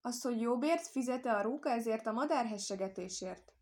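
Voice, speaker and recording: A woman's voice: a little high, expressive, a little mellow. A woman voicing a greedy, gullible male wolf in a storybook tale, speaking in an eager, persuasive way.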